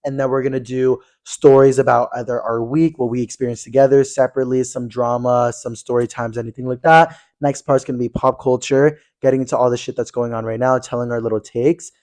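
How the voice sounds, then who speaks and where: A man's voice: mid-range voice, little pitch movement, fairly quick, hardly any pauses, a little mellow, no echo. A young man co-hosting a podcast, chatting in a gossipy way and filling his talk with "like". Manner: gossipy, says "like" constantly. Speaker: podcast co-host. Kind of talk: casual chat.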